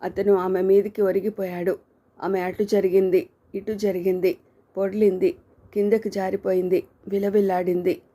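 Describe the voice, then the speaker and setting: A woman narrates a dark novel for an audiobook in a steady, dramatic storytelling voice. Her tone is mellow and warm, sitting at a middle pitch. The reading stays measured and scripted.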